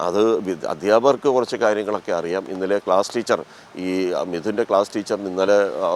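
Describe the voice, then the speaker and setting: Male field reporter, very low voice, halting live delivery, faint street traffic behind. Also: low-quality recording. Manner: measured, with frequent filler pauses.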